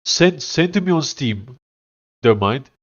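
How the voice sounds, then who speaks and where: A man's voice: medium pitch, lively intonation, slow, dull audio. A man with an Afrikaans South African accent and a blocked nose, chatting casually on a livestream as he works. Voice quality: congested, blocked-nose sound. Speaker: live streamer. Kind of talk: casual livestream chat while coding.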